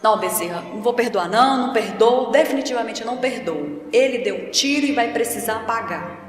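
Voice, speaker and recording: A woman putting on a stern, shouting male politician. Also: very high-pitched, expressive, brisk, slight background noise. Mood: stern refusal. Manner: shouting, incisive, raised voice. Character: angry stern male politician refusing forgiveness. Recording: echoey hall from far off, faint music.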